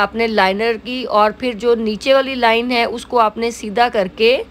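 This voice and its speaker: A middle-aged makeup artist and salon owner with a Pakistani Urdu accent narrates a casual tutorial, chatting away and repeating the filler "jo hai woh." Her voice is a little high, and there's slight background noise.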